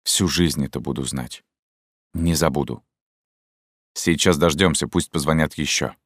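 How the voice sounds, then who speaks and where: A male narrator gives a full character voice to a weary, guarded middle-aged scientist, speaking very low, slow and resigned with a secretive mood. He talks quietly and close to the mic in a dry studio with no room sound.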